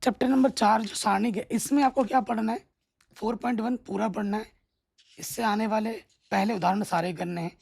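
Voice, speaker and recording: A man's voice: sits high, steady tone, fairly quick, vocal fry, darkish tone, husky. A man teaching maths and walking students through which exam questions to study. He speaks in an instructive way and keeps checking in with the students. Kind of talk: exam syllabus walkthrough lesson.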